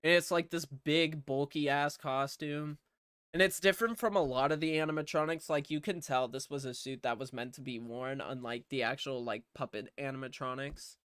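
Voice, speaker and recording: A man's voice: mid-range voice, fairly even intonation, normal speed, fairly bright tone, clean tone, no echo, clean studio sound. A man casually recapping a movie plot in a loose, rambling way, with swearing and lots of fillers. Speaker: movie reviewer.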